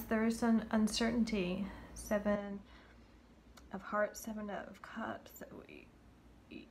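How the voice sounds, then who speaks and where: Lady doing a tarot reading, gravelly voice, gentle and stumbly, slips into whispers, bit of background hiss. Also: medium pitch. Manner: gentle, halting, many fillers and restarts. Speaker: tarot card reader. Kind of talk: intuitive card reading to viewers.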